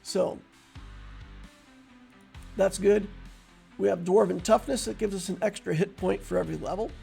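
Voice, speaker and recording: High-pitched, heavily gravelly man. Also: moderate pace, soft background music. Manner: relaxed and conversational with frequent fillers. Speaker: tabletop game build creator. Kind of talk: casual explanatory walkthrough.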